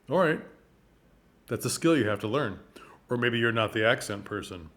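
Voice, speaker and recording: A man talks to camera into a microphone, emphatic and expressive, leaning hard on key words. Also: lowish voice. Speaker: vlogger and performing arts commentator. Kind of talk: casual talk to camera.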